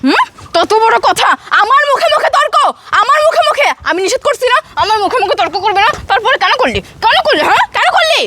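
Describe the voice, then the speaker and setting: A woman playing a hostile, sharp-tongued young wife who taunts and shouts. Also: very high voice, very animated, noisy background. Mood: angry. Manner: taunting, insulting, rapid-fire shouting. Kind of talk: melodramatic family drama acting.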